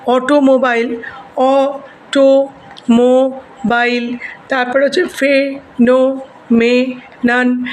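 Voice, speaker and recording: Woman, high voice, teacher, slow careful explanation, faint background noise. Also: rough recording. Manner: slow and deliberate, mixing English terms, sounding out words. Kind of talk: explanatory lesson.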